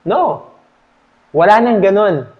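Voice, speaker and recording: A man's voice: sits high, lively intonation, takes it slowly, lo-fi sound. A man in his thirties with a Filipino accent, giving a church history lesson into a handheld mic in a small meeting room, mixing Tagalog and English and checking in with "okay?" again and again. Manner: mixes Tagalog and English, asks "okay?" often. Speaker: church teacher. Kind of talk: sermon-style Bible lesson.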